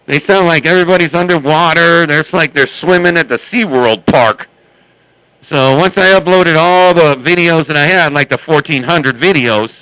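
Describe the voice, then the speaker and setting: Bright, clear, dry-voiced man rambling casually. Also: fairly high pitch, no echo, rough recording. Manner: rambling, blunt and salty. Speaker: CB radio operator who records and uploads chats. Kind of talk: casual radio chat.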